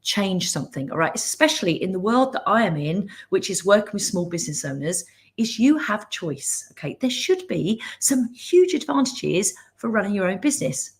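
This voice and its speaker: In her weekly live stream, a middle-aged woman who mentors businesspeople keeps things chatty and upbeat, often breaking off into asides. She speaks at a normal speed in a medium-pitched, very animated voice.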